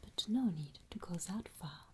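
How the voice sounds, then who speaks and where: A woman playing a solemn, gently admonishing female Christmas spirit in a whispered ASMR roleplay, telling things in a hushed, storytelling way. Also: on the low side, lively intonation, normal speed, a little hiss or hum, natural voice. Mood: gently urging.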